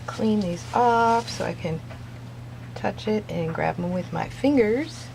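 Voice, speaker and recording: Casual crafting woman with a creaky voice. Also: mid-range voice, slow pace, darkish tone, a little hiss or hum. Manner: chatty, musing to herself in short phrases. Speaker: soap maker narrating own craft video. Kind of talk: casual craft vlog chat, thinking aloud.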